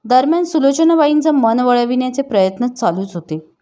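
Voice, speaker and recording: A woman narrating an emotional family story in a calm, steady reading voice. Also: high voice, normal speed.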